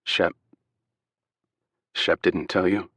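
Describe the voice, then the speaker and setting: A man's voice: low voice, flat delivery, a bit bright, husky, dry recording, studio quality, heavily acted. A man voicing a shaken, brusque young husband. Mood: stunned. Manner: brusque, halting.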